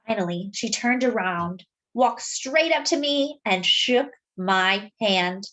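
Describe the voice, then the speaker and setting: In a rough recording, a medium-pitched woman reads a story to children with expressive, theatrical and deliberate storytelling.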